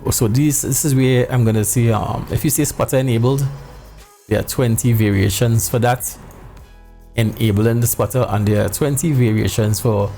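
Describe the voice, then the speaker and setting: Gravelly man. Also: medium pitch, fairly even intonation, moderate pace, warm tone, faint music behind. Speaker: sim racing video host. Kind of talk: casual tutorial talk to viewers. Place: indoor home room.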